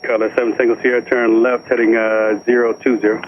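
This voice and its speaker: A man speaks as an air traffic controller over a radio channel crackling with static bursts. His delivery is fast and flat, barely rising or falling. The sound is dull and lo-fi, with steady hiss underneath. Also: mid-range voice. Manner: rapid clipped monotone phraseology. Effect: radio transmission with static bursts. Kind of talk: terse radio instructions. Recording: noisy lo-fi radio feed.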